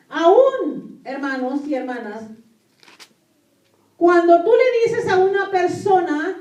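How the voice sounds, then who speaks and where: With a very high, slightly mellow voice, a woman preaches a Spanish sermon as a native speaker, reading from scripture. She stresses key phrases through emphatic repetition and puts questions to the congregation. A distant mic in an echoey room captures her.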